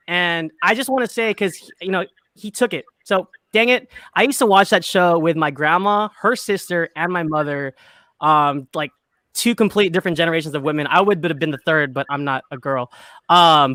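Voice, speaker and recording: A man's voice: high voice, bright, forceful tone, no echo. A man in casual chat, rambling enthusiastically with lots of fillers as he makes his pick. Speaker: draft participant.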